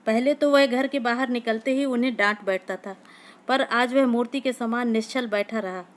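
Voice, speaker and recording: Woman storyteller, steady measured narration, somewhat high voice, classic short story reading.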